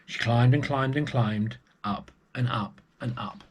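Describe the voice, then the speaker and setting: Speaking with a medium pitch and measured pace, a man reads a picture book expressively to young children. He is an early years storyteller who often turns to the listeners with chatty asides.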